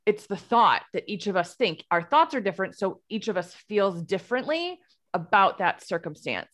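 A woman's voice: medium pitch, very animated, moderate pace, fairly bright tone. A woman podcast host and life coach talking through an idea in a casual monologue, often checking in with "okay?" and "right?". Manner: explanatory, frequent "okay?" and "right?" check-ins.

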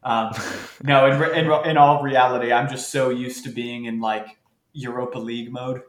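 A man's voice: medium pitch, flat delivery, normal speed. Rambling man in an echoey room. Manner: rambling, self-deprecating, with frequent "um" restarts. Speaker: podcast host. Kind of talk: casual podcast chat.

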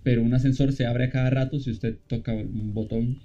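A man's voice: brisk, lo-fi sound, faint music behind. A man co-hosting a podcast, chatting casually and laughing often as he tells a story. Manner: storytelling, laughs often, rising pitch when excited. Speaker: podcast co-host. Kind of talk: casual chat.

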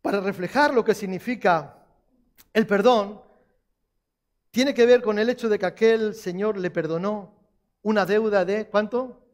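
Man preaching a sermon, high voice, emphatic and repetitive, questions to the crowd. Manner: emphatic, repeats key phrases, asks the congregation questions.

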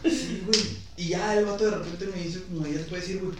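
Hombre mexicano joven contando anécdota, sala con eco. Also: male voice, high voice, quick pace, a crowd in the background. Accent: Mexican Spanish. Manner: crude slang, animated retelling. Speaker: podcast host. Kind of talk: casual storytelling chat. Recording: echoey room, far from mic, faint noise.

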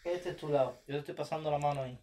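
A man's voice: fairly high pitch, steady tone, very fast, dark tone, a little hiss or hum. A man hosting a casual podcast, teasing his partner in playful banter. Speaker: podcast host and producer. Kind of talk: casual couple chat.

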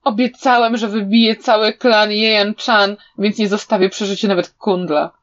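A woman voicing a cunning, cruel young male villain who sneers, shouts and laughs manically, in a slightly dull recording. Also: medium pitch, fairly even intonation, normal speed, natural voice. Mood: sneering.

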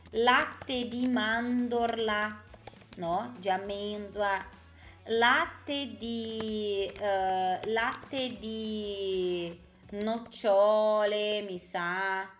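A woman teaching a live language lesson, reading out viewer comments and repeating words slowly and clearly for learners, with playful chatty asides. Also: a little high, a bit bright. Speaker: Italian teacher.

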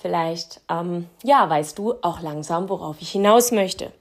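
A woman talks through a lesson on horse training in a relaxed, chatty way. She speaks straight to the listener, walks them through imagined scenes, and fills her sentences with little hesitations. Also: lowish voice, measured pace. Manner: chatty, addresses listener directly as "du", many fillers. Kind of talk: spoken lesson with thought experiments.

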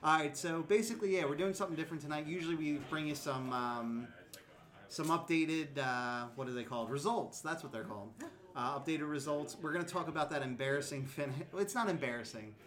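A man's voice: on the high side, a little fast, fairly bright tone. Chatty laughing male podcast host. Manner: rambling, laughs often, many fillers. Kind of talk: casual chat. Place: comic book store.

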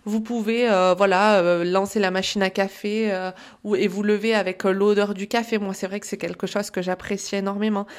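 A woman wellness coach giving casual spoken advice to listeners, chatty and full of pauses with "euh" and "hop". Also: mid-range voice, little pitch movement, smooth.

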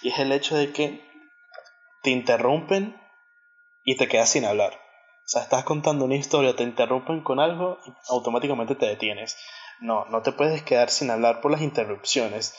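A man's voice: mid-range voice, moderate pace, lo-fi sound. A man in casual chat, explaining his points step by step with frequent restarts.

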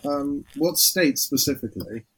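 A man's voice: a little high, lively intonation, unhurried, a bit bright, slight background noise, poor audio. A man co-hosting a podcast in casual chat over a remote call, talking in hesitant stops and restarts. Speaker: podcast co-host.

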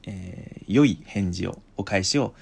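A male language teacher on a podcast lesson, explaining slowly with many hesitations and restarts. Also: sits low, vocal fry, slight background noise.

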